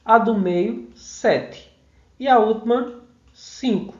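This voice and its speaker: A man's voice: sits high, slow pace. A man giving an online mini-course lecture, explaining step by step, counting syllables aloud and often checking in with tag questions. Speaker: course instructor. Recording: roomy, dull lo-fi sound.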